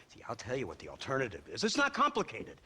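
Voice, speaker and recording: A man's voice: medium pitch, wildly swooping pitch, brisk, sharp tone, husky, full character voice. An actor playing a condescending, cynical lawman villain in a western video game, lecturing sardonically. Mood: mocking, lecturing. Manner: sardonic, drawling lectures broken by chuckles. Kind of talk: video game cutscene monologue.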